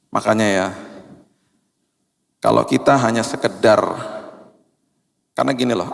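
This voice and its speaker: A middle-aged male pastor preaches in a casual, conversational way and slips into the voices of the people he talks about. His voice sits at a medium pitch. It rings with a long reverb from a church hall. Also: gravelly, a bit bright. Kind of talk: sermon.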